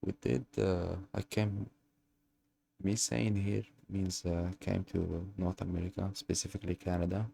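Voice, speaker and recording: A young man from Algeria telling his own story in a casual monologue, pausing often and hunting for words. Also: deep voice, little pitch movement, gravelly, dark tone. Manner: hesitant, searching for words with many fillers. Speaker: channel host.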